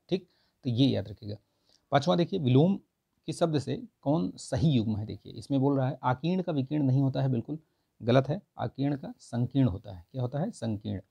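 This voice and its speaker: A man's voice: mid-range voice, gravelly, dark tone, breathy edge. A man teaching a grammar exam-prep lesson, repeating each answer and checking in often with his students.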